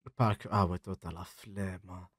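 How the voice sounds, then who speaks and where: A man from France hosting a casual voice chat as a streamer, teasing and mock-serious, now and then breaking into loud fake outrage. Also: low voice, fairly even intonation, normal speed, crowd noise. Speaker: streamer host.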